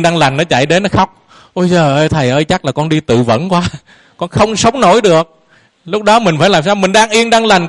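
With a voice a touch on the high side, this male teacher poses rhetorical questions and chuckles mischievously while giving lay followers a dharma talk.

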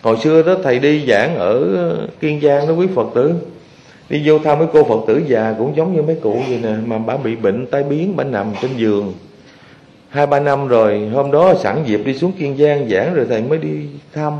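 A man, a Buddhist monk, preaching to his followers in a lively storytelling manner and often asking the audience questions. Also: medium pitch, moderate pace, dull audio, a little hiss or hum. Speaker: Buddhist monk giving a dharma talk. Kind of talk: sermon to lay followers. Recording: echoey hall.

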